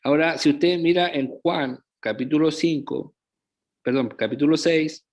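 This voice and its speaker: A man preaching a sermon as pastor, often checking in with the congregation through rhetorical questions. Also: a little high. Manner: slow, deliberate preaching with frequent rhetorical check-ins to the congregation.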